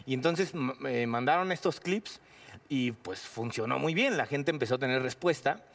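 An actor guest with a Mexican accent and a medium-pitched voice tells a lively anecdote, packed with slang and quick asides.

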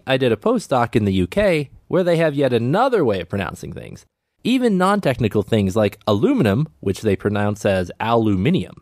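Lively, expressive male science podcast host. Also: mid-range voice, dry recording, studio quality. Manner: explains calmly and clearly.

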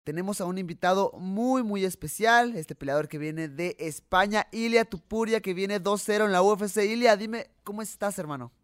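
A man's voice: sits high, moderate pace, few pauses, smooth, dry recording, clean studio sound. A young Mexican man with a Mexican accent, hosting a podcast interview in a friendly, chatty way. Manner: friendly, chatty, frequent fillers. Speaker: podcast host and fighter. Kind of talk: casual interview chat.

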